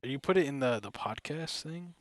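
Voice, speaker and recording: A man's voice: medium pitch, expressive, fairly quick, dry recording, clean studio sound. A young man co-hosting a casual podcast, asking loose questions. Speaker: podcast co-host.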